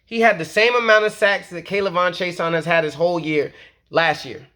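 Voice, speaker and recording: Slangy hype man, fairly high voice. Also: steady tone, normal speed, bright, forceful tone. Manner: slangy, hype, repeats "okay?" and "you feel me". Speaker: sports vlogger. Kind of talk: casual fan commentary.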